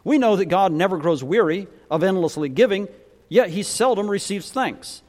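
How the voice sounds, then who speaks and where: A man's voice: sits high, lively intonation, moderate pace, a little mellow. A man preaching a storytelling sermon, telling it dramatically and acting out the dialogue. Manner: dramatic, acts out dialogue in varied voices. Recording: long hall reverb.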